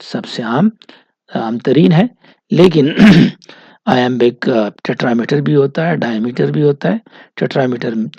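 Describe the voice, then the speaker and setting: A man giving a recorded literature lecture, explaining slowly with many hesitations. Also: mid-range voice, dark tone, husky, no room sound. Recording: dull, dry lo-fi recording.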